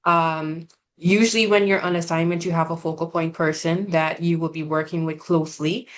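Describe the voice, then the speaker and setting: Measured woman on a webinar panel. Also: deep voice, fairly even intonation. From Guyana. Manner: earnest, measured, with frequent "um" and "right?". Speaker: regional representative. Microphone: video call.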